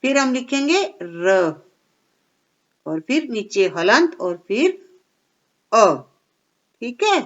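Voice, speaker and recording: A woman teacher with a slightly high voice walks young children through a worksheet, patient and step by step. She keeps checking that they follow along. The recording is dull and lo-fi. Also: sing-song, drawn-out words, pauses often.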